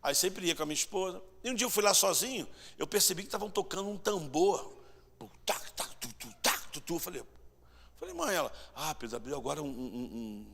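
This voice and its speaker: Rio pastor preaching, kinda high gravelly voice, gets loud then hushed, big echoey church. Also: male voice, a little fast, slight background noise. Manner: animated, swings between loud bursts and hushed asides. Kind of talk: sermon with storytelling. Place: church hall. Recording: church hall reverb, mic at distance.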